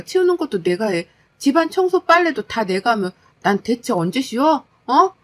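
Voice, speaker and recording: A woman voicing an exhausted, fed-up young working wife, scolding in a sharp, exasperated way. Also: fairly high pitch.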